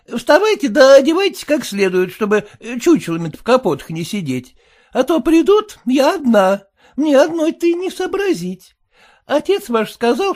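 A reader voicing a fussy, fretful middle-aged merchant's wife who scolds in a shrill, raised voice. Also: female voice, a little mellow.

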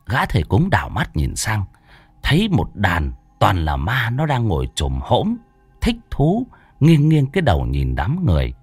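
Male horror narrator, dramatic, wildly swinging pitch, dry close sound. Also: wildly swooping pitch, unhurried, darkish tone, husky, dry recording, soft background music. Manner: dramatic, vivid storytelling. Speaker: storyteller.

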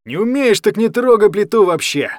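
A man voicing a coarse, mocking male guardian who speaks gruffly and with a sneer, in a read-aloud story. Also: on the high side, very animated, moderate pace, no room sound, studio quality. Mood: gruff bullying.

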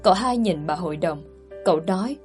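A woman's voice: lowish voice, expressive, a little fast, a little mellow. A woman narrating a family drama audiobook, voicing the characters' lines herself. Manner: voices the characters' quoted lines herself with mild emotion. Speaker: storyteller. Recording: faint background music.

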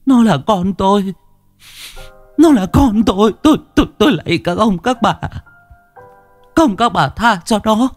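A man's voice: medium pitch, sing-song, unhurried, long pauses, dark tone, no room sound, faint music behind, pitched above the performer's own voice. A man voicing a frail grey-haired old mother who stammers and begs for her son. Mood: desperate pleading. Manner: stammering, begging, repeating words.

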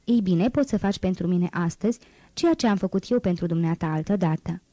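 A serious, cautious man speaks in measured lines, as a woman reader voices him. The tone is low and mellow. The recording is dry and close. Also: no room sound, lightly acted. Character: grave, cautious grown man, a fugitive.

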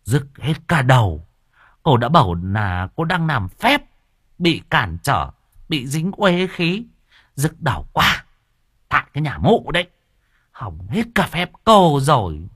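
A man voicing an irritable, sharp-tongued woman spirit medium who scolds in an exasperated way. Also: deep voice, sing-song, a little slow, no room sound, studio quality, heavily acted. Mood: scolding.

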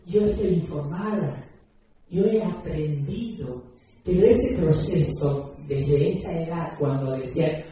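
Woman, mellow voice, emphatic speaker at a talk, miked from afar. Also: sits low, takes it slowly. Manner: earnest, emphatic, explains with examples and rhetorical questions. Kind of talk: public talk to an audience. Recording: echoey room, distant mic.

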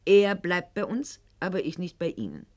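Addressing her husband, a haughty eighteenth-century noblewoman, proud and calculating, is voiced by an actress in a radio drama monologue, her diction formal and eloquent. The fairly low, darkish voice moves at a moderate pace with big pitch swings, and the mood is defiant.

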